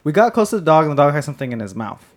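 A man's voice: a little high, rapid-fire. A man co-hosting a casual podcast, telling stories with lots of swearing and putting on other people's voices, sitting a bit too far from his mic. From California. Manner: animated storyteller, swears freely, acts out voices. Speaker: podcast co-host. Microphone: sits too far from the mic.

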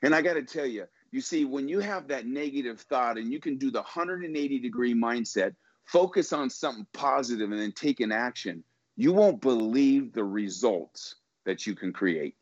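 Middle-aged male guest, ex-pitcher, emphatic motivational storyteller; dull, dry recording. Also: normal speed, dry recording. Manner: emphatic, motivational, repeats words when excited. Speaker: guest, former baseball pitcher. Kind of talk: storytelling in a podcast interview.

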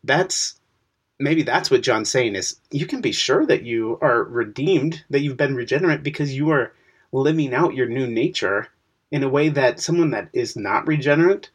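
A man's voice: medium pitch, normal speed, husky. A man co-hosting a podcast, explaining a Bible passage in casual discussion and posing questions to the listener. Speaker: podcast co-host.

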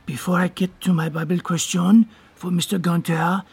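A man's voice: sits high, level tone, moderate pace, gravelly, a little mellow, breathy edge, no room sound, exaggerated voice. An actor playing a courteous, inquisitive French man with a French accent, speaking in a formal, polite way in a radio drama. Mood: courteous, curious.

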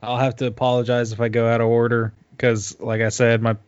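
A man co-hosting a casual gaming news chat over a choppy mobile call connection that keeps breaking up, laughing often and filling pauses with "uh" and "um". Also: mid-range voice, completely flat delivery, clear, resonant tone, dry recording. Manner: laughs often, many fillers. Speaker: podcast co-host. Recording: dull lo-fi call audio, dry.

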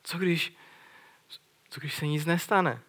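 A man's voice: on the high side, a bit bright. A man preaching a sermon in an earnest way, retelling a scripture story and putting questions to his listeners.

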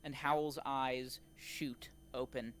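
Calm male game master, mid-pitched. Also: takes it slowly, a little hiss or hum. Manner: calm descriptive narration. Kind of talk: narrating a tabletop game.

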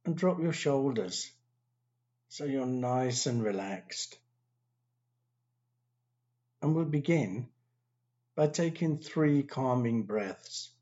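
Man, meditation teacher, very slow soothing delivery, muffled lo-fi sound. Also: mid-range voice. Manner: slow, calm, soothing instructions with long pauses. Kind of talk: guided meditation.

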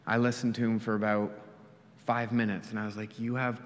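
A man preaching a sermon in an earnest, storytelling way, often dropping quiet for emphasis. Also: on the low side, level tone, brisk, long reverb tail. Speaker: pastor. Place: church.

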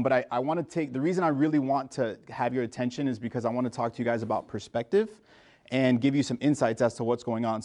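Casual American pharmacist speaking to students. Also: male voice, medium pitch, a little mellow. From United States. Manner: informal, many fillers and restarts. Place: lecture room.

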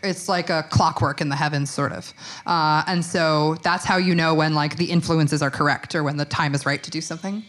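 A young woman guest chatting casually in an interview. She is relaxed and chatty, swears freely and uses lots of fillers. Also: low-pitched, a little fast. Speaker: podcast guest, witch and herbalist.

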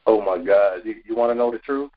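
A man, telling animated stories as a podcast guest, often repeating words and saying "you know". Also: fairly low pitch, a little fast, narrow, tinny audio. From South Carolina, USA. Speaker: guest, former football player. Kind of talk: storytelling in a podcast interview.

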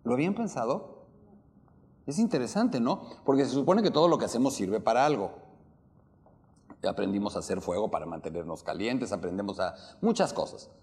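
A man with a Mexican accent giving a lively talk to a live audience, questioning listeners and acting out the melody of speech. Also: medium pitch, brisk. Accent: Mexican Spanish. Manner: animated, questions the audience, demonstrates intonation. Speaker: opera workshop lecturer.

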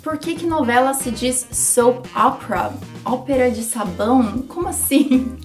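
A Brazilian woman teaching English pronunciation, cheerful, laughing often and repeating words slowly. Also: sits high, expressive, faint music behind. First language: Portuguese. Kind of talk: bilingual pronunciation lesson.

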